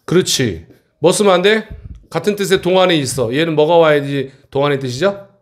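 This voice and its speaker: A man with a fairly high-pitched voice teaches an English textbook passage to a middle school class, frequently pausing to check in with quick questions.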